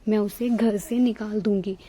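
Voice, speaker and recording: A woman's voice: mid-range voice, steady tone, normal speed, mellow, husky, lightly acted. A woman voicing a stern, scolding middle-aged mother-in-law in a storybook tale. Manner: scolding, threatening.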